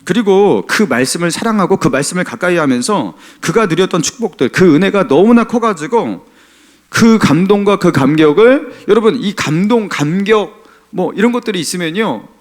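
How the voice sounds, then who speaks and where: A fairly high-voiced man preaches a Sunday sermon, with a pitch that swoops up and down. He talks to the congregation like a chat and keeps asking them questions. He rises to bursts of emphasis, then drops to soft, low asides. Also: lively intonation, normal speed. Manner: swings between emphatic raised lines and soft, low asides; chuckles while talking. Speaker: pastor.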